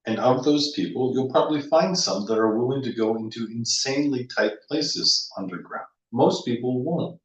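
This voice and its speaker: A man's voice: mid-range voice, normal speed, few pauses. A man in casual conversation, musing with a wry, teasing manner and many restarts. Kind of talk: casual reflective chat. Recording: roomy, slightly dull audio.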